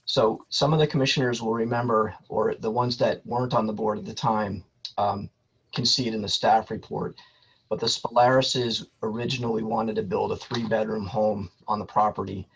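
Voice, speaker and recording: Husky man on a muffled landline phone. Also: on the low side, fairly even intonation. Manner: measured, orderly, with frequent ums. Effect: over a landline phone. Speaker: lawyer for an applicant. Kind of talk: formal statement at a public board meeting.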